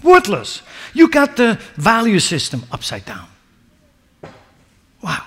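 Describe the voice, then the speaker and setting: A male pastor delivers a sermon with a high-pitched, swooping voice. He preaches emphatically and keeps turning to the congregation with rhetorical questions. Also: huge pitch swings, slow, breathy edge. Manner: emphatic preaching, rising to near-shouts and dropping low.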